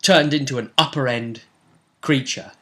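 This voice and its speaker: In a relaxed recap discussion of a tabletop RPG session, the game master lays out the events and prods his partner with rhetorical questions. He speaks at a moderate pace in a mid-range voice that sounds pushed and bright.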